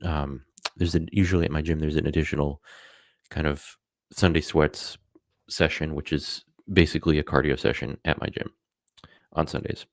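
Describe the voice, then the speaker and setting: Casual streamer, male, rumbling deep voice, loose and rambling, dry close mic. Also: little pitch movement, normal speed, vocal fry, dry recording. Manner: rambling, many fillers and self-corrections. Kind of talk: casual live-stream talk.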